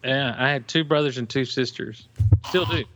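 A man's voice: medium pitch, moderate pace, fairly bright tone. Playful man hosting a podcast. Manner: playful, teasing questions. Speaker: podcast host. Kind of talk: casual podcast interview.

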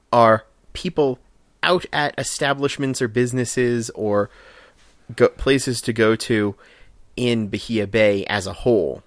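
A man's voice: medium pitch, dry recording. Enthusiastic man in podcast chat. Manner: enthusiastic, analytical, with frequent restarts. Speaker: podcast co-host. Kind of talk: casual chat reviewing a cartoon.

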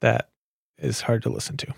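Calm co-host, mid pitch, dry close mic. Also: moderate pace, vocal fry, husky, dry recording. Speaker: podcast co-host. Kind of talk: casual chat.

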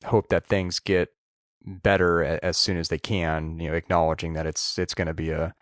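A man co-hosting a casual podcast, talking in a halting way with pauses and restarts. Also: low-pitched, little pitch movement, a bit bright, no echo, clean studio sound. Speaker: podcast co-host.

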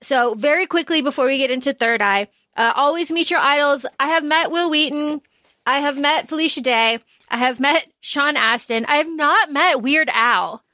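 A woman's voice: high voice, normal speed, pushed and bright, no room sound. A woman hosting a casual book and fandom podcast, speaking in an emphatic, playful way. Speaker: podcast host.

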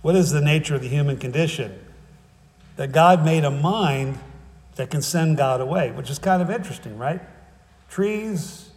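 Conversational preacher in a reverberant hall. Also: male voice, fairly high pitch, animated, moderate pace, darkish tone. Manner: conversational, often adds "right?" and "okay?"; wry humor. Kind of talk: sermon.

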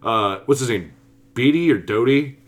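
A man's voice: mid-range voice, animated, normal speed. A man in casual chat, talking enthusiastically and rambling with lots of filler words.

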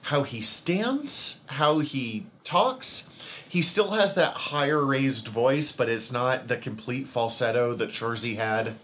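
A man's voice: mid-range voice, lively intonation, slow pace, fairly bright tone. Chatty cursing man, faint hiss. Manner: loose, swears freely, rambling. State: hiccups from eating. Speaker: podcast co-host. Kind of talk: casual chat.

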